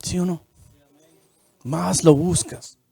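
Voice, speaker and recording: A minister preaches in a fairly high voice, dry and close to the mic. He keeps the tone conversational and often checks in with the congregation. He builds to loud, repeated phrases. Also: fairly even intonation, slow pace, gravelly, husky, dry recording. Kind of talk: sermon.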